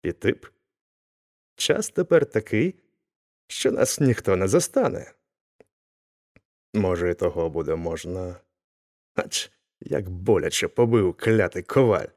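A sulky, grumbling Cossack villager mutters threats and complaints under his breath, as a male narrator puts him on. The voice sits low, yet it swings up and down with lively emphasis. It is read as a storybook part. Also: measured pace, long pauses. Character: grumbling middle-aged village Cossack man. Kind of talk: audiobook character reading.

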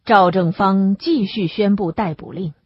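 A woman narrating an audiobook in an expressive storytelling manner, on a dull, lo-fi recording. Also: medium pitch, a little slow, husky.

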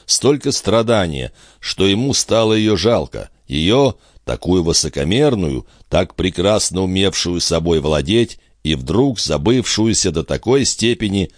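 A man narrates a classic novel in a very low, calm voice. His storytelling is even and steady, recorded close and dry with no room echo. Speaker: audiobook narrator. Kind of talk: audiobook narration.

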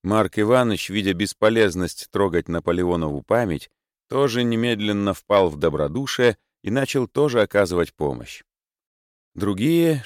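A man narrating a classic novel as an audiobook, measured and even. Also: on the low side, no room sound, clean studio sound.

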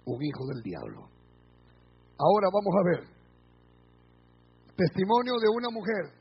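A man's voice: high-pitched, breathy edge. A man preaching as pastor, retelling a believer's words to his congregation. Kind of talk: sermon. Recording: muffled lo-fi church recording.

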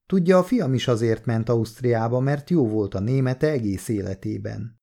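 A man's voice: mid-range voice, animated, vocal fry, dark tone. A man reading the part of a talkative older woman who rambles and gossips freely, in an audiobook. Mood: chatty. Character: chatty older woman, a mother, boastful then wary.

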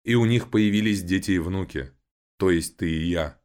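A man voicing a calm, resolute young man who talks seriously and reassuringly, in an audiobook. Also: sits low, normal speed, close to an everyday voice. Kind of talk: audiobook voice acting.

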